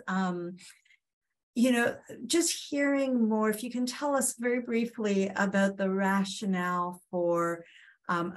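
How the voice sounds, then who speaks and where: A woman moderates the question session after a lecture. She talks at an ordinary pitch, chatty and a little apologetic. She fills her sentences with ums as she relays questions from the audience. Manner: chatty, apologetic, many fillers.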